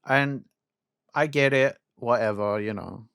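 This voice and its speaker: A young man with a mid-pitched voice and a dry, close sound chats casually as a co-host. He gripes freely, swears, and throws out rhetorical questions. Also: slow pace, vocal fry, a bit bright, clean tone, no echo. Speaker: podcast co-host. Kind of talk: casual chat about animation and games.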